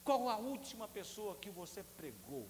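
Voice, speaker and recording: A man's voice: high-pitched, sing-song, normal speed. A man of around fifty with a Brazilian Portuguese accent, a pastor preaching an earnest, testimony-style sermon in a church. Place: church sanctuary. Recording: echoey church hall with faint hum.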